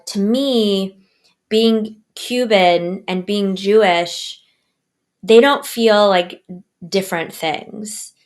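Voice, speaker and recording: Earnest, slow-speaking woman author. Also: mid-range voice. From United States. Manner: earnest, measured, with pauses and restarts. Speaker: author guest. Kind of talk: interview answers.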